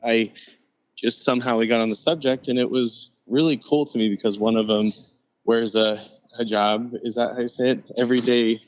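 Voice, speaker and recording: A man from Utah, co-host of a podcast, telling a relaxed story with soft fillers. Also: mid-range voice, normal speed, poor audio. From Utah, United States. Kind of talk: casual podcast chat.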